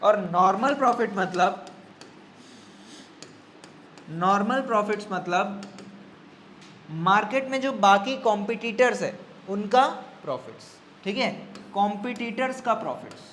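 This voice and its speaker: High-voiced man teaching accounts. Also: expressive, fairly bright tone, a little hiss or hum. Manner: repeats key phrases, checks understanding often; slows down to dictate formulas. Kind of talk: classroom lecture.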